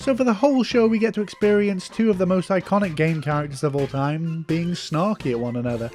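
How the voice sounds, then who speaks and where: Brief: male comedy reviewer, dry and mocking narration, slightly high pitch. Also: fast, darkish tone. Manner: sarcastic and mocking. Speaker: video reviewer.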